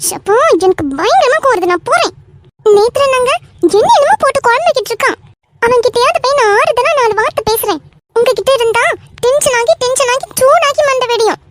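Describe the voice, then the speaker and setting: Woman doing a very high-voiced fiery young wife. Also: lively intonation, fairly quick, noisy background. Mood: angry. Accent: Kanyakumari Tamil. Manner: sharp, scolding, insistent. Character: young wife, quick-tempered and demanding. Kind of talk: animated cartoon voice acting.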